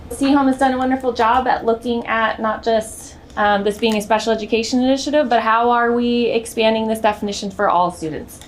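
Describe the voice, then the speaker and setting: A woman's voice: on the high side, a little hiss or hum, poor audio. A woman leading a school tour, briefing a visiting group in a projected, friendly teacher voice with frequent fillers. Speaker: education project leader guiding a tour.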